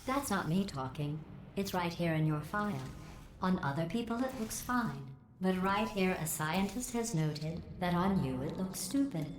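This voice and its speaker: A woman voicing a cold, sarcastic female AI overseer, with a deadpan, passive-aggressive manner and a synthetic processed sound. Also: fairly low pitch, normal speed. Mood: mocking. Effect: synthetic computer voice processing. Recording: roomy game audio with heavy background noise.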